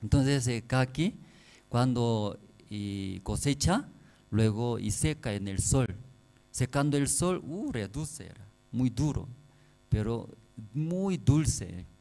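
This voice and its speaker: Slow, dark-voiced Korean-accented man preaching. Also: medium pitch, lively intonation, creaky, rough recording. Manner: halting non-native Spanish, frequent rhetorical questions to congregation. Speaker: pastor. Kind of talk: sermon.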